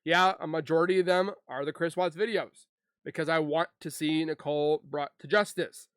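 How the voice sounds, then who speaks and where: A man venting to his viewers in a vlog, halting and frustrated, and holding back tears as he speaks. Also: on the high side, steady tone, smooth, no echo. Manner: halting, frustrated, with frequent restarts. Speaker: YouTuber.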